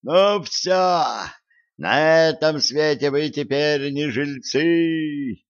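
A man voicing a huge, vicious steel raven in a storybook, snarling out slow menacing threats over dull lo-fi audio. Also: medium pitch, gravelly, fairly bright tone, smooth, voice pushed up.

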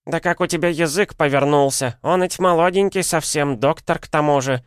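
A man's voice: a little high, normal speed, clean tone, no room sound, clean studio sound, voice pushed up, lightly acted. A man voicing an indignant old village woman who exclaims in outrage. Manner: scandalized, exclaiming.

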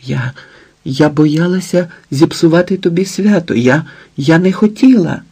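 A frightened young wife in an audiobook, pleading and near tears, as a male narrator puts her on. The delivery is slow, with a rough, husky grain. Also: on the high side, a little mellow, pitched above the performer's own voice. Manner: pleading, tearful.

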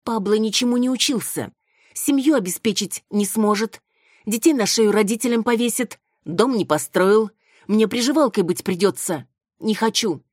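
A woman voicing a defiant, sharp-tongued young village woman who scorns an arranged match. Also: mid-range voice, normal speed, husky, dry recording, studio quality, pitched above the performer's own voice, natural voice. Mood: defiant scornful. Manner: scornful, cutting.

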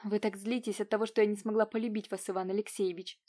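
A woman's voice: medium pitch, little pitch movement, quick pace, mellow, close to an everyday voice. A woman voicing a proud, naive young noblewoman in an audiobook, giving nervous, clipped replies. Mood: defensive.

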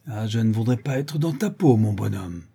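A man's voice: on the low side, lively intonation, normal speed, gravelly, breathy edge, exaggerated voice. A man voicing a brutal, drunken, grandiose male villain who rants and hurls insults, in an audiobook reading. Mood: furious. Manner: ranting, exalted, shouting insults.

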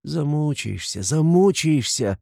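A man's voice: medium pitch, expressive, measured pace, mellow, no echo, studio quality, pitched above the performer's own voice. Man voicing a pleading desperate young woman. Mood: despairing. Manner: impassioned, pleading, exclaiming.

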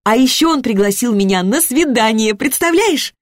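A woman voicing a bubbly, happy young woman who chirps and gushes with excitement. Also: a little high, moderate pace, dry recording, clean studio sound, voice pushed up. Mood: chirping. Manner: chirpy, gushing.

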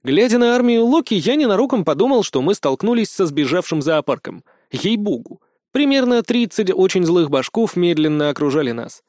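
A man narrating a first-person fantasy novel in a measured, expressive reading. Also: sits high, no room sound, clean studio sound. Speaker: audiobook narrator.

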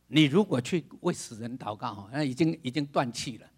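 An older male pastor preaching a sermon. He is dramatic, acts out other people's voices, laughs and shouts for emphasis. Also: medium pitch, expressive, normal speed, breathy edge.

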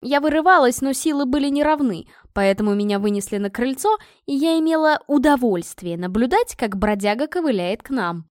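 A woman narrating a first-person audiobook in an expressive, sardonic manner. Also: sits high, fairly quick, hardly any pauses, no echo, studio quality.

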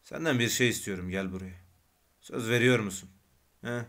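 A man voicing a dying, irritable man with tuberculosis who grumbles bitterly and bursts into shouting. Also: fairly low pitch, normal speed. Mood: grumbling.

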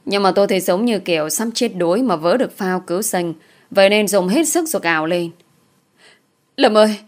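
A woman narrating a dramatic audio story in the first person, in a steady storytelling manner. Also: on the low side.

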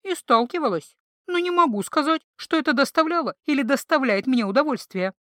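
A woman reading an audiobook, voicing a jumpy, indignant young female herbalist in a high, shrill voice. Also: animated, moderate pace, dry recording, clean studio sound.

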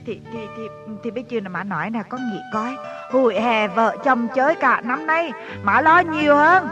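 A woman's voice: on the high side, normal speed, lightly acted. An actress playing a complaining, self-pitying wife and doting mother in a comic family skit, pleading and arguing, with music behind.

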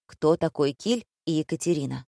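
A woman's voice: deep voice, lively intonation, normal speed, gravelly, dark tone, dry recording. Woman narrating with dry ironic wit. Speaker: audiobook narrator. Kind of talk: first-person audiobook narration.

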